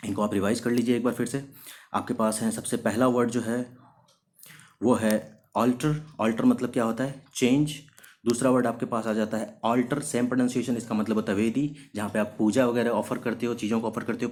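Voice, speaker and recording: With a darkish, mid-range voice, a man teaches English words in a recorded video lesson, breaking each one down step by step. His Hindi explanations carry English terms, he answers his own questions, and he slows sharply when reading example sentences aloud.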